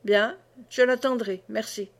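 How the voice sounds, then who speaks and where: A woman voicing a wary young peasant man, speaking lower and more softly than her own voice. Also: fairly even intonation, unhurried.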